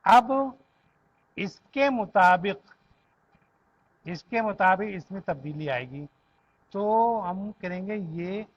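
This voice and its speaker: A man's voice: sits high, animated, takes it slowly, pauses often. A man with an Urdu accent teaching Arabic grammar to a class, patiently reciting verb conjugations in lists and checking that students follow. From Pakistan. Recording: dull lo-fi classroom recording.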